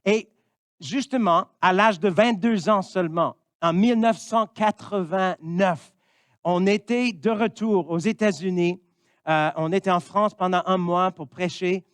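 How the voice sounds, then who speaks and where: A man's voice: sits high, unhurried, smooth, no echo. A man in his fifties from Missouri, a pastor, preaching a sermon in an earnest way and often saying amen. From Missouri, United States.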